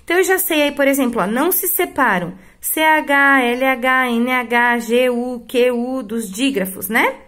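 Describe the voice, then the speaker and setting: A middle-aged Brazilian woman teaches a recorded remote lesson in a fairly high voice. She draws each example word out slowly and checks in with her students, addressing them with fond, familiar terms. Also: fairly bright tone. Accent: Brazilian Portuguese. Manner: affectionate, drawn-out example words with frequent "tá?" check-ins. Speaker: school Portuguese teacher.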